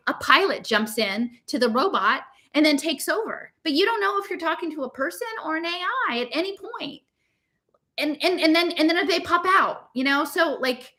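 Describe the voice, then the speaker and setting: Speaking in a high, sharp voice, this American podcast host delivers her blog aloud plus commentary to an online audience. She is exasperated and emphatic, and her informal, passionate monologue rambles on through rhetorical questions.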